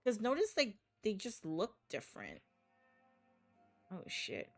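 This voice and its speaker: A woman's voice: medium pitch, wildly swooping pitch, slow, gravelly, faint music behind. A woman streamer dramatically reading a text game aloud, stumbling now and then and reacting bluntly.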